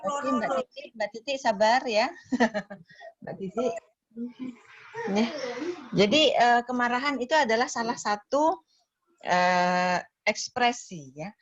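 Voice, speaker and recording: A woman teaching a nursing class online, chatty, ending her phrases with "ya" and acting out patients and nurses in quick little voices. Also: fairly high pitch. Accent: Indonesian. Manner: chatty, ends phrases with "ya" and "gitu ya". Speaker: nursing lecturer. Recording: slightly dull lo-fi call audio.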